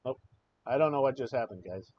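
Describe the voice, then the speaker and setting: A man's voice: mid-range voice, animated, a little fast. Impassioned, cursing male livestream host. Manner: impassioned, emotional, swears freely. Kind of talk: opinionated live political commentary. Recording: slightly dull audio with faint noise.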